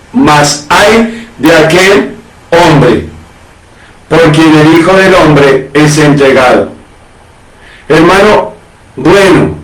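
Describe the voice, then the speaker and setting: A man's voice: a little high, far from the mic. Impassioned male pastor in an echoey room. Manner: impassioned preaching, repeatedly addressing "hermano, hermana". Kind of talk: sermon.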